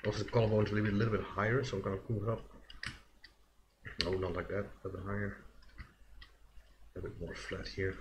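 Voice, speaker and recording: Low-voiced man thinking aloud. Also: quick pace, pauses often, noisy background. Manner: relaxed, thinking aloud with many fillers and self-corrections. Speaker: digital sculpting streamer. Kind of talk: casual live-stream commentary while working.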